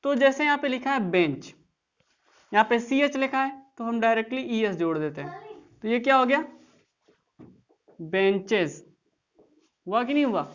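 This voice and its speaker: A woman's voice: on the high side, expressive, normal speed, long pauses, muffled recording. A woman teaching English grammar in an online class, explaining step by step and often checking that students follow.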